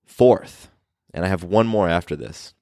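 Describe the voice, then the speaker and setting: A man's voice: sits low, measured pace, warm tone, no echo, studio quality. A man hosting his own podcast, talking casually and upbeat with fillers and restarts. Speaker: podcast host. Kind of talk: casual solo podcast talk.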